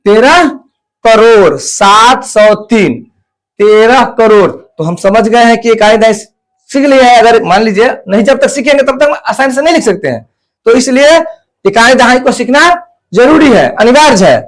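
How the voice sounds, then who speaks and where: High-voiced man teaching a slow math lesson. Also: expressive. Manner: slow, deliberate, repeats place values step by step.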